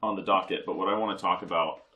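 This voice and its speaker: A man's voice: low-pitched, fairly even intonation, quick pace, sharp tone, dull audio. A young man co-hosting a casual chat in a rambling, wry way that often interrupts itself. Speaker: co-host.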